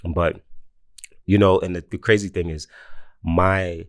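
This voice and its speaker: A man in his forties telling a casual personal story, animated, often laughing and mimicking others in high voices. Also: a little slow, no room sound, clean studio sound. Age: 40s. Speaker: host.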